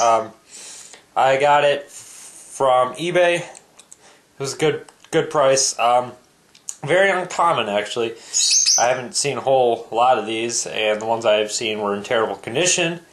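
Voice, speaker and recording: Echoey young American man reviewing casually. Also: medium pitch. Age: young adult. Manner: sweary, deadpan, halting. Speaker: video host. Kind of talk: casual mock product review. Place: indoors at home. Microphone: handheld camera at arm's length. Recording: echoey room, noisy handheld camera audio.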